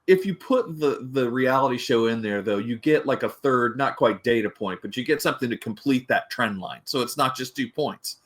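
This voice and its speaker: A man's voice: medium pitch, lively intonation, moderate pace, hardly any pauses. A man talking casually on a podcast, rambling with many restarts and a grumbly edge. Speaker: podcast panelist.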